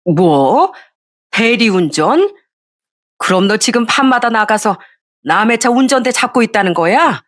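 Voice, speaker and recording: A woman's voice: fairly high pitch, sing-song, measured pace. A woman voicing a domineering older mother-in-law who scolds her daughter-in-law harshly, in an audio story reading. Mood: scolding.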